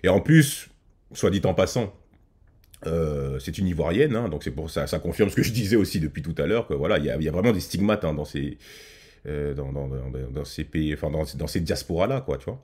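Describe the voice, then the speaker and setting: A man's voice: very deep voice, expressive, a little fast, darkish tone. A man talking casually to his viewers as a reaction host, hesitant with many fillers and restarts. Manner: addresses viewers directly.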